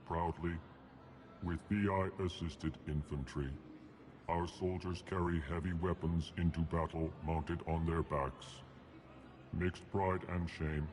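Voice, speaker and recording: An actor playing a huge, earnest, slow-talking alien in a video game, formal and monotone. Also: male voice, extremely low pitch. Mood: proud. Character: huge, slow, earnest alien announcing his emotions flatly. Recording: faint ambient noise.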